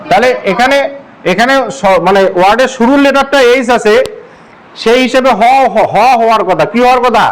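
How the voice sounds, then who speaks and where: A man's voice: very high-pitched, a little fast, crowd noise, background noise. A male English teacher from Bangladesh giving a classroom grammar lesson, asking the class the same question again and again. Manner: drills the class with repeated questions.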